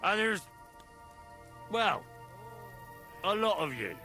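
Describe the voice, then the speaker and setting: A cocky young hero in a video game, boastful and quick to swear. He speaks slowly in a bright, lively voice over faint music. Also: sits high, exaggerated voice. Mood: bragging. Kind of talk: game voice acting.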